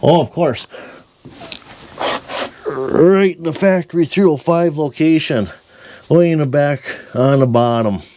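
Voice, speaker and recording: Slow-talking grumbling man working on an engine. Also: on the high side, mellow. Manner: grumbling, wry, talks to himself while working. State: strained from working in a cramped spot. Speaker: DIY mechanic vlogger. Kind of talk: casual workshop narration. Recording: noisy workshop recording.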